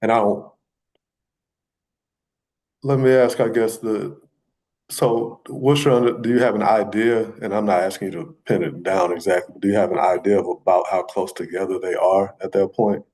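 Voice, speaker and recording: Lawyer guy in court, lowish voice, keeps restarting his questions. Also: steady tone, darkish tone, rough recording. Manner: halting, self-correcting questions with many restarts. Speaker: attorney questioning a witness.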